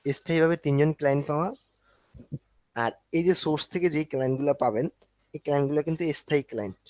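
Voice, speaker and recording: A man's voice: a little high, very fast, a little mellow, no echo. A man teaching an online class, explaining step by step in a conversational way while walking through a screen. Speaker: instructor.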